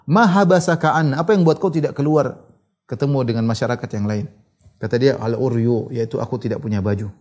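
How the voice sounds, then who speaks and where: A man giving a religious lecture, reciting Arabic narrations and retelling them in a lively storytelling way. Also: medium pitch, fairly quick. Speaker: Islamic preacher.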